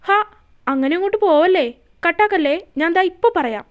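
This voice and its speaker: A woman's voice: very high-pitched, expressive, moderate pace, highs cut off. A woman voicing a young man in love who coaxes and teases in a story reading. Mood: coaxing. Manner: coaxing and teasing.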